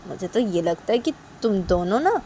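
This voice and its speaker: A woman's voice: medium pitch, sing-song, moderate pace, dark tone, slight background noise, close to an everyday voice. A woman voicing a middle-aged mother who keeps questioning, tacking on nagging tag questions. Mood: probing.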